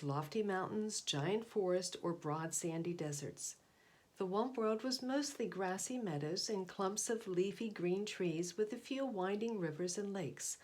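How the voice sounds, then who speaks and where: Her mid-range, darkish voice carries a children's picture book as she reads it aloud as a volunteer. She puts expressive weight on key words and turns aside to address the kids.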